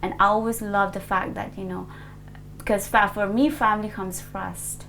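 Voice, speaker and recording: A woman's voice: medium pitch, fairly even intonation, moderate pace, a bit bright, slight background noise, poor audio. A woman in her twenties from Nepal, answering an oral history interview hesitantly, with many fillers and restarts. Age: 20s.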